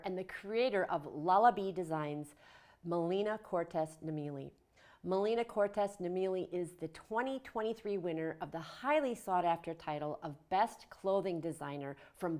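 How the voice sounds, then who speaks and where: A woman's voice: lowish voice, moderate pace. A woman hosting a community TV talk show, reading an upbeat introduction and then chatting with her guest. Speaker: show host. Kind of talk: community TV interview.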